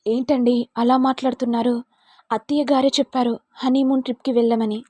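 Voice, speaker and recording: A woman voicing a meek, dutiful young wife in a story, speaking softly and politely. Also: fairly high pitch, flat delivery, fast talker, no echo, natural voice. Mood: pleading. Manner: soft, polite pleading.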